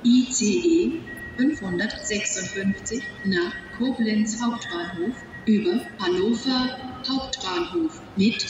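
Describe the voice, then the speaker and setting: A woman making scripted train platform announcements in a flat, measured manner, heard over a station loudspeaker. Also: mid-range voice. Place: large train station hall, heard over public address. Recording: echoey station loudspeaker from far off.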